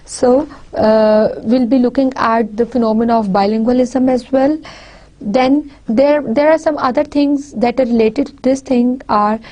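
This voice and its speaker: In this recorded university lecture, the speaker is a woman from Pakistan whose first language is Punjabi and who has a Pakistani accent. She delivers it deliberately in a warm, slightly high voice, frequently restarting and repeating her phrases.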